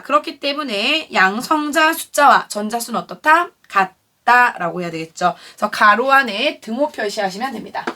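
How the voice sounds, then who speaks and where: A woman teaches a chemistry class in a bright, animated voice that swings up and down. She keeps asking the room questions and then answers them herself, patiently. She sounds a little off-mic, as if picked up from across a classroom. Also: fairly high pitch, recorded from a distance. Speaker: science teacher. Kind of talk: classroom lecture.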